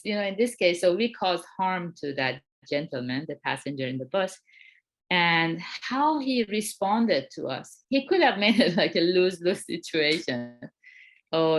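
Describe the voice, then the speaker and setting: A woman in her forties co-hosting a Buddhist webinar, telling stories with frequent light laughs. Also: on the low side. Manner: warm storytelling with frequent laughs. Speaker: co-host of a Buddhist talk. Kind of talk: dharma talk webinar.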